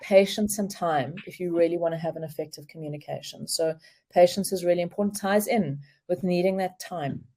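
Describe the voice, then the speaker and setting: A woman speaking as a relationship expert on a video call, explaining in a calm, measured way. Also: lowish voice. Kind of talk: remote interview, explaining.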